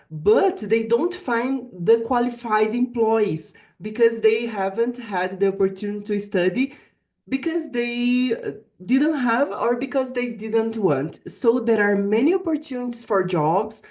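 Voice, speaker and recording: A Brazilian woman whose first language is Portuguese appears as a guest presenter and teacher at a virtual summit. Speaking with a Brazilian accent in a medium-pitched, darkish voice, she gives her prepared talk earnestly and deliberately, stressing key phrases.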